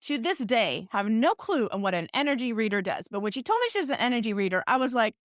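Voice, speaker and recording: A woman hosts her own podcast and talks through a personal story in a casual, playful way, poking fun at herself. Her voice sits a little high and swoops up and down a great deal. The sound is dry and close, with no room echo. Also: very animated, fast talker. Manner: playful, self-mocking storyteller. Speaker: podcast host.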